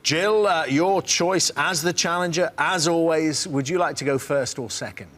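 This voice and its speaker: A man's voice: fairly high pitch, normal speed, fairly bright tone. A man hosting a television quiz show, announcing in an upbeat, theatrical way. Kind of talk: studio game-show presenting.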